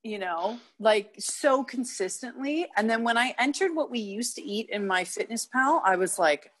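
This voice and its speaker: A woman's voice: fairly high pitch, animated, normal speed, fairly bright tone. A woman from Canada, a podcast guest, chatting casually and laughing often as she acts out what people said. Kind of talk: casual interview chat.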